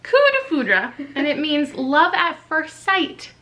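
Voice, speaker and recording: A woman book vlogger chatting casually about words and books, wry and quick to laugh at herself. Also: sits high, sing-song, sharp tone. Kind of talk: casual vlog chat.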